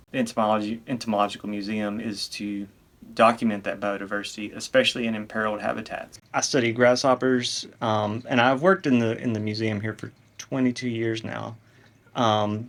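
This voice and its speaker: A man's voice: on the low side, fairly bright tone. A middle-aged man, a museum director and professor, explaining his work informally in an interview.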